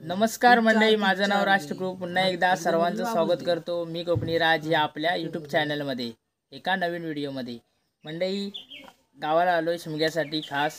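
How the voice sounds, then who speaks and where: A man's voice: on the high side, steady tone, normal speed. A man hosting a casual village vlog, chatty and coaxing as he shows around his home courtyard. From Konkan, India. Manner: chatty, coaxing and teasing the kids. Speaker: village vlogger host. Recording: outdoor courtyard with family chatter behind.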